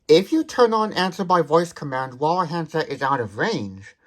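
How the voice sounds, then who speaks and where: This host of a tech demo video sounds very animated, with a fairly high pitch and a moderate pace. He demonstrates the product hands-on, carefully explaining its features step by step.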